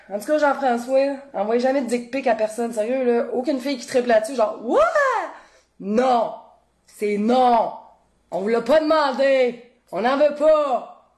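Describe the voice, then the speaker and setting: A woman with a Québécois accent hosting a live cooking stream, her voice sitting a little on the high side. She chats loosely and expressively, talks straight to her viewers and reads their comments aloud. She drops casual swears as she goes. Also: a little slow, a little mellow. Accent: Québécois French. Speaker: cooking show host. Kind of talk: casual livestream chat.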